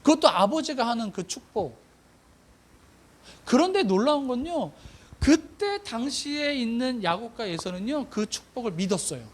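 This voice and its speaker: A man's voice: very high-pitched, very animated, normal speed. A male pastor preaching a sermon, addressing the congregation with questions and repeating phrases for emphasis.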